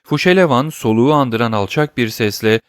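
A man reading a classic novel aloud as an audiobook narrator, in a steady, measured way. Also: medium pitch, no room sound, studio quality.

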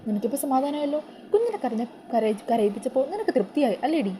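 A woman's voice: sits high, sing-song, fast talker, warm tone, a little hiss or hum. A woman voicing a stern middle-aged matriarch who scolds sharply. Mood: scolding.

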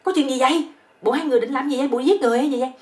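A woman with a Southern Vietnamese accent voicing a fussy male hotel owner who is polite with guests but loud and demanding when alarmed. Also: medium pitch, brisk, far from the mic, close to an everyday voice. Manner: polite, then loudly demanding.

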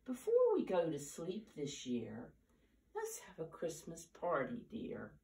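Older woman as a drowsy, unhurried mama bear. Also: low voice, huge pitch swings, gravelly, dark tone, full character voice. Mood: drowsy, practical. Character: drowsy, practical motherly storybook bear. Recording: roomy, distant camera microphone.

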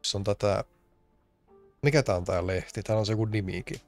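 Gravelly low-voiced male streamer. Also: soft background music. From Finland. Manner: rambling, joking, complaining. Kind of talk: casual let's-play commentary.

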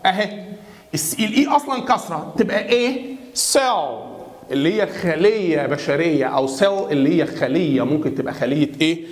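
A man with an Egyptian Arabic accent teaching English pronunciation in a classroom style. He keeps asking questions for the viewer to answer and slows down to spell words out. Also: on the high side, animated, echoey room. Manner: repeats questions and has the viewer answer back.

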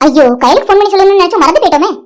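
A woman's voice: very high voice, animated, loud music behind the voice. A woman voicing a heartbroken young woman betrayed by her lover, tearful and pleading. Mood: worried. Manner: tearful, pleading, slow when grieving. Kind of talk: amateur cartoon voice acting.

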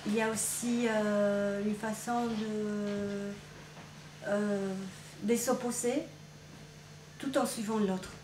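Talking slowly, with long pauses, a woman painter born in Argentina answers interview questions in a steady, mid-range voice, sometimes struggling for words. Background noise and music fill the roomy indoor gallery, and a camcorder mic picks her up from a medium distance.

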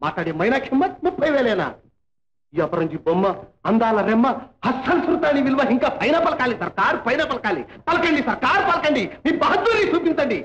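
Shrill pushy auctioneer. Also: male voice, very animated, quick pace, fairly bright tone, echoey room, a little hiss or hum, full character voice, rough recording. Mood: hawking. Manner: calls out bids, urges buyers on, laughs. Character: loud male slave-market auctioneer, pushy, flattering. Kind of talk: 1950s film dialogue.

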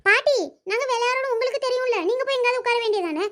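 A woman playing a cheeky little girl with a very high, rapid Kanyakumari Tamil voice who answers back to her elders. Cartoon voice work, bold and chatty. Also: background noise. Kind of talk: cartoon voice acting.

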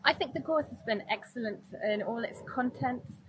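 A young woman from Madrid, giving a thoughtful statement about a course with frequent hesitant pauses. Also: on the high side, a little hiss or hum, low-quality recording. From Madrid, Spain. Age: young adult. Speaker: course participant. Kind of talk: self-recorded video statement.

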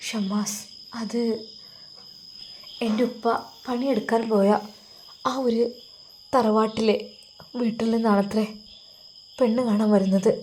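A woman voicing a worried young woman who talks quietly and hesitantly, close to tears. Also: a little high, fairly even intonation, takes it slowly, pauses often, slight background noise.

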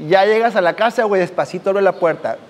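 A man's voice: high voice, quick pace, long reverb tail. A man hosting a podcast, telling a personal story in slangy, casual speech. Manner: slangy, drops "güey" constantly, acts out voices. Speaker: podcast host.

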